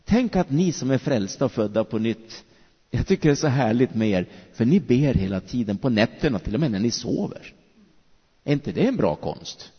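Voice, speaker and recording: Husky-voiced male pastor preaching. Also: mid-range voice. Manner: animated preaching, drawn-out emphatic phrases. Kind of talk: sermon. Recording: dull recording with long hall reverb.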